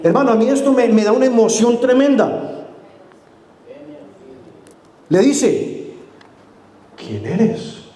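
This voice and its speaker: Male pastor, high mellow voice, earnest sermon, roomy church mic. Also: lively intonation, slow pace, pauses often. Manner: earnest, addressing the congregation directly; dramatic drops to a hushed voice for quotes. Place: church sanctuary. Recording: echoey church room.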